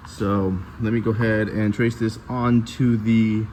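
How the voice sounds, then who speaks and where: Low-pitched man, casual DIY chat. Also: flat delivery, measured pace, darkish tone, a little hiss or hum, poor audio. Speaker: DIY car builder presenting. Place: metal-walled garage workshop.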